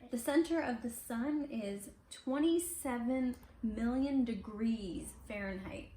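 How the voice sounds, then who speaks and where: At home, a woman reads a picture book aloud to children in a casual, conversational way, adding little explanations as she goes. Her voice is mellow, on the high side, and slow. The recording is roomy and echoey with faint noise.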